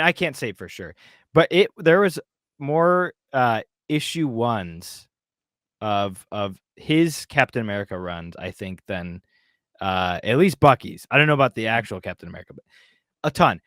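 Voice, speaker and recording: A man hosting a podcast, talking with a sarcastic edge and plenty of laughs. His pitch swings in a lively way as he reads and mocks an article. The sound is dry and close. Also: normal speed, no room sound. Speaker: podcast host. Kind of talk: casual chat, reading articles aloud.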